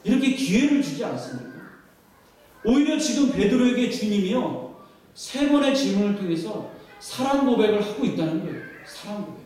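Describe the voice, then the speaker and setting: A male pastor with a high voice preaches, picked up by a distant mic in a very echoey church hall. He keeps turning to the congregation with questions and drives each point home by repeating it. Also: animated, normal speed, darkish tone. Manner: asks the congregation many questions, emphatic repetition. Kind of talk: sermon. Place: church sanctuary.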